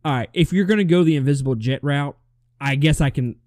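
A man co-hosting a casual movie review chat, relaxed and opinionated, often restarting his sentences. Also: fairly high pitch, fast talker, no room sound, studio quality.

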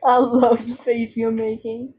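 Husky, giggly young woman chatting. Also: a little high, level tone, measured pace, narrow, tinny audio. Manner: rambling, giggly, teasing. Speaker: vlogger. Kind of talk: casual chat with a friend.

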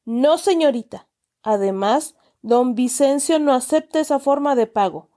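A woman voicing a stern, pompous middle-aged uncle who loudly lectures children with exaggerated indignation. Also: high-pitched, animated, measured pace. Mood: scolding. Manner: loud, scolding, exaggerated indignation.

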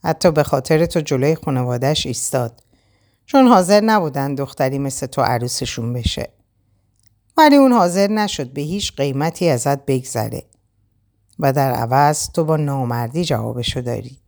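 A woman's voice: extremely low pitch, expressive, darkish tone. A woman reading the lines of a reproachful, blunt young man in a storybook. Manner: reproachful, firm.

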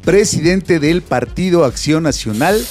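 Un hombre con acento mexicano, anfitrión de podcast, bromeando y leyendo en voz alta con orgullo fingido. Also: male voice, on the high side, animated, a little slow, darkish tone, faint music behind. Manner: playful, reads aloud with mock pride. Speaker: podcast host. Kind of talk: casual chat.

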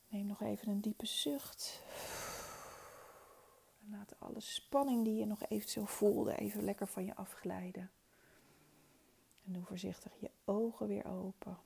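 A woman leading a guided meditation in a soft, soothing, spa-like whisper, gentle and breathy. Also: mid-range voice.

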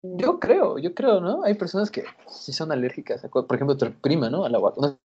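A man with a Mexican Spanish accent co-hosting a casual chat, slangy and animated when telling stories. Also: on the high side, brisk, slight background noise. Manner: animated storyteller, laughs, slangy. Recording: lo-fi recording.

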